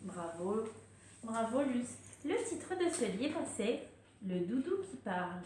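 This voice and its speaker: A woman reading a picture book aloud to children, slow, gentle and expressive. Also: a little high. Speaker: storyteller. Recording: very echoey room, faint noise.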